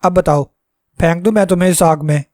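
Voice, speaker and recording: A man's voice: sits high, steady tone, darkish tone, no room sound, studio quality, natural voice. A man playing a bold, boastful hero who makes menacing threats, in a read-aloud storybook. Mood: mocking.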